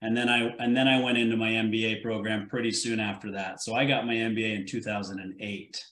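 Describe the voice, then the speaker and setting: Speaking quickly in a level tone, a fortyish podcast host with a lowish, fairly bright voice runs a relaxed business interview. He restarts himself frequently, and there's an echo from the room.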